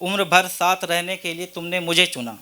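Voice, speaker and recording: A man's voice: sits high, steady tone, moderate pace, sharp tone. A man at an open mic reciting a long, repetitive poem line by line, with a Hindi accent. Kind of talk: reciting poetry. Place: open mic event venue.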